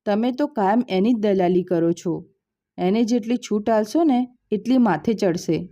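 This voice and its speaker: A woman's voice: medium pitch, normal speed, lo-fi sound, close to an everyday voice. A woman doing a harsh, scolding mother-in-law. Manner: sharp, scolding.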